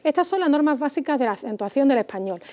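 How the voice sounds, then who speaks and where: A woman explains grammar rules on an educational TV program. She speaks patiently and deliberately, and stretches stressed syllables to demonstrate them. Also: sits high, expressive, muffled recording. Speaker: language expert guest.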